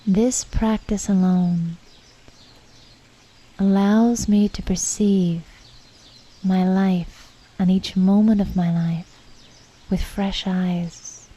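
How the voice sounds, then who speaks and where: Speaking at a medium pitch, this woman takes listeners through a guided meditation. She sounds reflective and calm, never rushing, pausing between thoughts and letting her phrases fade out in a soft, breathy way.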